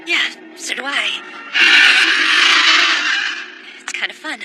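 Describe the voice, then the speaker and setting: A man playing an excitable, grumbling teenage schoolboy in an English anime dub, theatrical and exasperated. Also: extremely high pitch, fairly quick, over loud music, poor audio. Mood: agreeable. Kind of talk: English-dubbed anime acting.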